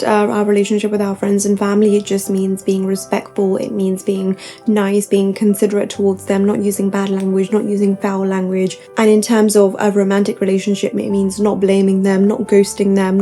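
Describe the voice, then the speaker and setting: A young woman with a warm, medium-pitched voice offers upbeat self-help advice to camera. She lays it out tidily point by point, gushing with emphasis and repeating herself.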